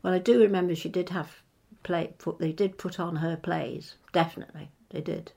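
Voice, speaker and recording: A woman's voice: fairly low pitch, fairly even intonation, normal speed, gravelly, dark tone. An older woman from England reminiscing in casual conversation, hesitant and rambling as she circles back to rephrase. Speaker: interviewee recalling local history.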